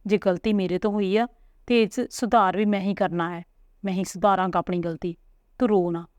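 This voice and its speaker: A woman reads out a middle-aged village father, hurt and protective, who turns pleading and gentle. The voice sits at a middle pitch and is recorded close and dry, like a storybook reading. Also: fairly even intonation, fairly quick, no room sound, lightly acted. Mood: tender. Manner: pleading then consoling.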